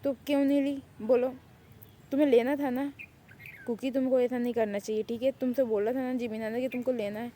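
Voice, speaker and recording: A woman's voice: a little high, level tone, dark tone, slight background noise, natural voice. A woman doing a stern, lecturing male doctor. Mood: scolding. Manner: lecturing, scolding. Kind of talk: amateur Urdu fan drama.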